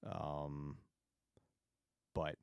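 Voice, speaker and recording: A man hosting a livestream and chatting casually with viewers in a rambling, halting way, often restarting sentences and digressing. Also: a bass voice, monotone, clear, resonant tone, no echo, clean studio sound. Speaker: YouTube livestream host.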